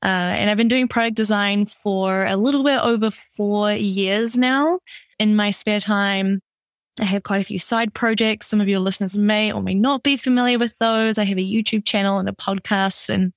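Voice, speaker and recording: A woman's voice: mid-range voice, steady tone, normal speed, no echo. An upbeat young woman with a New Zealand accent talks freely as a podcast guest, peppering her speech with easy fillers. Her voice sits in a middle register. The recording is dry and close. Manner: upbeat, chatty, lots of "like" fillers. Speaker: guest product designer. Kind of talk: conversational interview.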